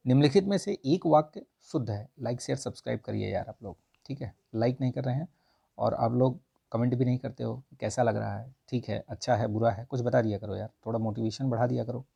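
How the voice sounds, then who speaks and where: A man explaining test answers in a relaxed, chatty lesson, often pausing to check his listeners are following. His voice is gravelly and husky, with a mellow, dark tone. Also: medium pitch. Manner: conversational, repeats "ठीक है" often. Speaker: exam prep tutor.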